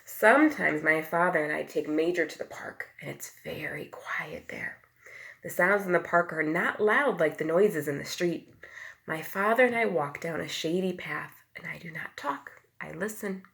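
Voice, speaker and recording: Her voice lowish with vocal fry and a moderate pace, a woman teacher reads expressively to young children. She performs the sound words, shifting between whispers and loud calls, and asks the little listeners questions, explaining simply.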